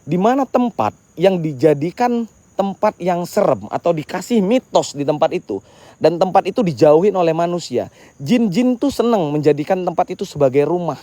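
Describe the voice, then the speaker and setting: Young man, ghost-hunting streamer, outdoor graveyard at night, crickets behind, fairly high voice. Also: animated, moderate pace, warm tone, no echo. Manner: addresses viewers as "men" and "teman-teman", recites Islamic prayers when startled. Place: public cemetery outdoors at night. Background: crickets and insects.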